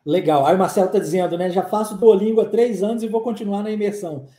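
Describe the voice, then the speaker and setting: An upbeat woman with a Brazilian Portuguese accent leads a casual English lesson over a live stream, answering comments and repeating phrases for her students. Her voice is mellow and dark in tone, and her middle-pitched speech rings with the echo of a bare room. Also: fast. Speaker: English teacher.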